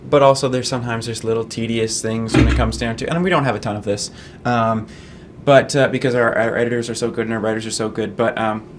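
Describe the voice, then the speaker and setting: Young canadian guy, student editor, chatty and a bit rambly, mid pitch, faint hiss behind. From Fredericton, Canada. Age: young adult. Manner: easygoing, rambling, many ums and uhs. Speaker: managing editor of a student newspaper. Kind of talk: casual interview answers.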